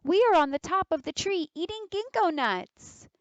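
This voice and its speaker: A clever young girl, the eldest sister as a woman storyteller plays her, speaks in a very high, swooping voice. She is wary and questioning, with polite craftiness suited to a storybook heroine. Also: expressive, normal speed, dry recording, muffled recording. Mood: bright persuading.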